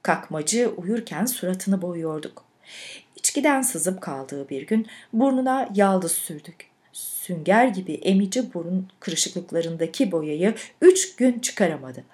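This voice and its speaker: A woman with a lowish voice narrates a literary audiobook, telling the story in a measured, expressive way.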